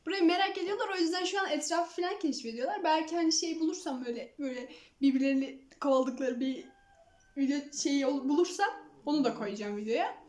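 A woman's voice: sits high, fast, a little mellow. A young woman vlogging casually at home, talking to her cats in affectionate baby talk. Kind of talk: casual chat to camera. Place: at home, indoors. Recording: echoey room.

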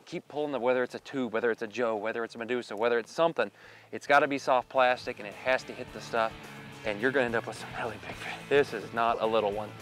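A man in his thirties hosting a fishing video, explaining technique and cheering catches outdoors on a lake boat. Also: mid-range voice. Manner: excited on-the-water banter. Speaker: fishing show host.

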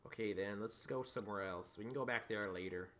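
A young man doing let's play commentary, excitable, yelping and shouting at the game, cracking crude jokes and talking to the characters. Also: on the low side, a little fast, background noise. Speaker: gameplay commentator.

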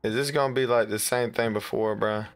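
A man's voice: lowish voice, steady tone, a little fast, clean tone, soft background music. A man hosting a gaming video, giving casual, slangy, incredulous commentary as he plays. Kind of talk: casual let's play commentary.

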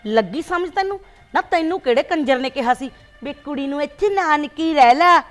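A woman's voice: sits high, lively intonation, normal speed, faint music behind. An actress playing a domineering older grandmother who scolds and mocks her family, in a short drama film. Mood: scolding. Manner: scolding, sharp-tongued, sarcastic.

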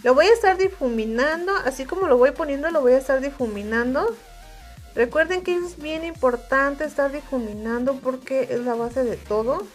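High-voiced woman explaining a makeup demo. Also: normal speed, faint music behind. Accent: Mexican Spanish. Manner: calm step-by-step instructing. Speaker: makeup reviewer.

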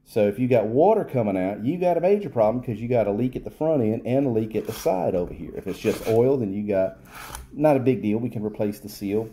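A man explains a pump repair from behind the bench in his workshop, staying off camera. His mid-range voice is warm and animated, a little fast, and his plain talk is full of fillers and restarts.

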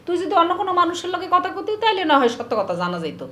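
A woman's voice: very high voice, big pitch swings, fairly bright tone, echoey room, full character voice. An actress playing a scolding village mother with an in a comedy TV drama. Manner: scolding, quick-tongued.

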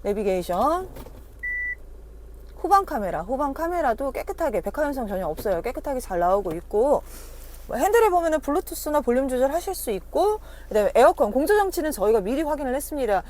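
A woman's voice: sits high, sing-song, fast talker, a little mellow. A woman car dealer doing a casual, chatty sales walkaround, persuasively addressing her customers. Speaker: used-car dealer presenting a car. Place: on location outside and inside a car.

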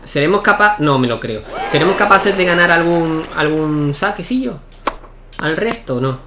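Excitable gamer with a light voice. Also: male voice, on the high side, normal speed, background noise. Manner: excitable, shouts at key points. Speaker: gaming YouTuber. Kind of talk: live gameplay commentary.

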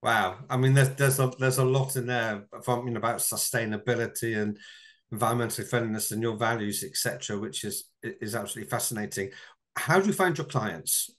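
A man's voice: medium pitch, brisk. A middle-aged man hosting a business interview over a video call, friendly, often repeating words as he frames his questions. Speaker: interview host. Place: home room indoors. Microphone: webcam on a video call.

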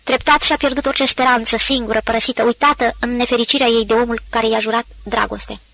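Bright-voiced woman audiobook narrator. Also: on the high side, steady tone, no echo, rough recording.

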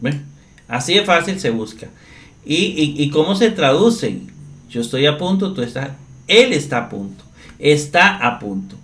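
A man teaching Greek grammar in a slow, step-by-step screen-share lesson, often checking in with his listeners. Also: on the high side, big pitch swings, a bit bright. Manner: slow, deliberate, often asks "¿verdad?".

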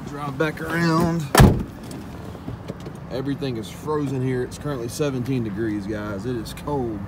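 Here a young man with a pressure washing business chats with viewers from his car, greeting them as "guys" in a relaxed tone. His voice sits in the mid range at a normal speed. The phone camera is held at arm's length, and the audio carries road, car, and outdoor noise whether the car is moving or parked.

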